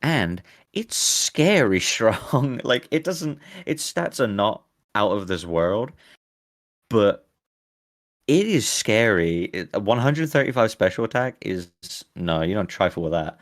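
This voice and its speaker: A man with a low voice hosting a live stream, rambling casually and laughing easily. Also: very animated, unhurried. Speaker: streamer host. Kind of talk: casual chat.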